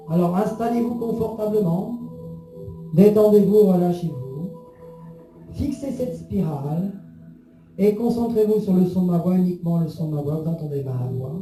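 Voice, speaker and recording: A man leading a guided hypnosis session in a soothing, repetitive, suggestive manner. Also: sits high. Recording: roomy echo under music.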